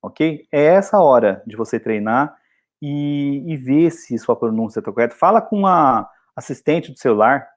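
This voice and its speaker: A Brazilian man in a casual video lesson, talking to his students in a chatty, encouraging way. His pitch leaps and dips a lot as he talks. His voice sits in an ordinary middle range for a man. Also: animated, moderate pace. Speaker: English teacher.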